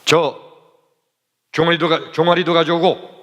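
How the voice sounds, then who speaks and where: A man voicing a stern, strict father disciplining his son with sharp commands, in a reverberant hall. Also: fairly high pitch, level tone, normal speed, highs cut off, voice pushed up, close to an everyday voice.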